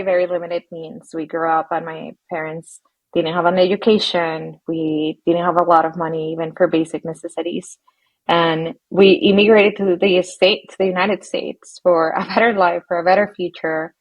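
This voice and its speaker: A woman from Colombia, a guest psychologist, talking in a reflective, halting way with soft laughs between phrases. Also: lowish voice, fairly even intonation, poor audio. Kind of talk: casual interview conversation.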